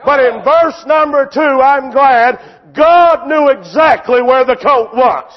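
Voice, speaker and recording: A man preaching a sermon, impassioned and often shouting, with a repetitive preaching cadence. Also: very high-pitched, slow, lo-fi sound.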